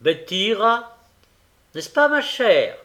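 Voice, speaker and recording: A man voicing a wheedling old male fence and gang boss, speaking in a soft, coaxing way. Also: sits high, big pitch swings, slow, voice pushed up, full character voice.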